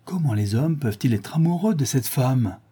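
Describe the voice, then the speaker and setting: A man's voice: medium pitch, a little fast, dark tone, slightly rough, voice pushed up, natural voice. A man voicing a chiding old society hostess. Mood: scolding.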